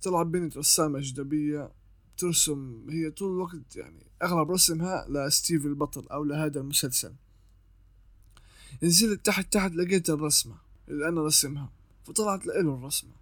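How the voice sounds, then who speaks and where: Fast-talking man. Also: on the high side, fairly bright tone, dry recording. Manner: chatty, explains step by step with frequent restarts. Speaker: artist giving freelancing advice. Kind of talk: casual advice talk.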